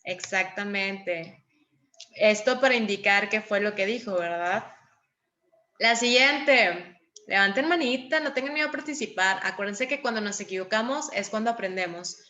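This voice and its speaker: A woman teacher giving a class, patient and encouraging, calling on pupils and reading examples with clear intonation. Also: medium pitch, moderate pace, bright, forceful tone. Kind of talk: online class lesson.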